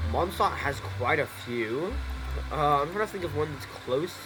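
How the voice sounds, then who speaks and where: A man's voice: fairly high pitch, slow pace, low-quality recording. Rambling young man gaming, swearing. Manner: rambling, excitable, swears often. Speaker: gaming YouTuber. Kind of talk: casual gameplay commentary. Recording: voice over loud game music.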